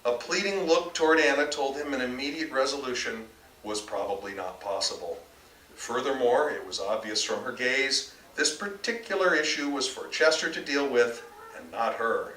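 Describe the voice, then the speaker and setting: Reading his own work aloud before a bookstore audience, this man narrates with dramatic emphasis. His medium-pitched voice sounds pushed and bright at a moderate pace, captured by a far-off mic in an echoey space with some faint noise.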